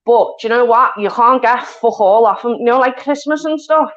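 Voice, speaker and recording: A woman's voice: on the high side, moderate pace. A woman with a Liverpool accent chatting casually and bluntly, swearing and peppering her sentences with filler words. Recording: dull lo-fi audio.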